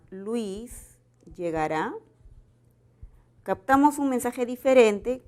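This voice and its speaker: Woman, Peruvian Spanish accent, exam-prep teacher, patient explanatory delivery, mid-pitched voice. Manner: explanatory, checks in with "¿verdad?". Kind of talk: exam prep grammar lesson.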